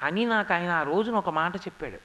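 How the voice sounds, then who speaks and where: A man's voice: sits high, brisk, sharp tone. An older man giving a spiritual discourse to students, telling stories and acting out quoted dialogue with emphasis.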